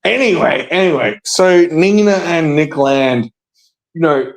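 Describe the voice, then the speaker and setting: A man's voice: a little high, expressive, a little slow, poor audio. A man hosting a casual podcast chat, rambling and hesitant with many fillers and frequent laughs. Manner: laughs often. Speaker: podcast host.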